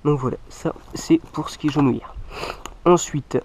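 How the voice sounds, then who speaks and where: A French-native mountain bike vlogger shows off his gear to viewers, chatting casually through a head cold that makes his voice stuffy. He rambles, returning to the same filler phrases over and over. His pitch is fairly high and a little mellow, at normal speed, with slight background noise.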